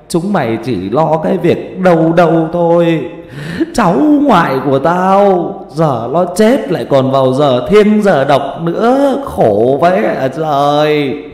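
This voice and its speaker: A man's voice: a little high, a little mellow, pitched above the performer's own voice, exaggerated voice. A man voicing the spirit of a ninety-year-old grandmother in a Northern Vietnamese accent, keening shrilly and scolding. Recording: roomy reverb with music.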